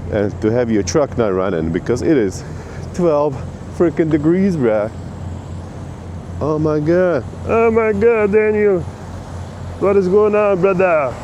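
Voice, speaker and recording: A man's voice: medium pitch, noisy background. A man from Bosnia and Herzegovina, a truck driver vlogging at a truck stop in loose, slangy, profane banter into a handheld camera. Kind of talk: casual vlog chat. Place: truck stop outdoors and shower room.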